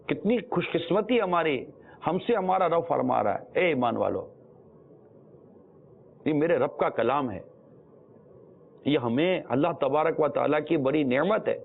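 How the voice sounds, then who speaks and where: A man's voice: a little high, animated, vocal fry. A man from Pakistan giving an earnest religious talk as a preacher, often repeating his phrases to drive a point home. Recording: tinny phone-like sound.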